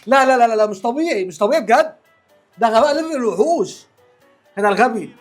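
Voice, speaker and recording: Egyptian man, football reaction host, very high animated voice, quick talker, music underneath. Keep it excitable and repetitive. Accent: Egyptian Arabic. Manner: animated, exclaiming, repeats words.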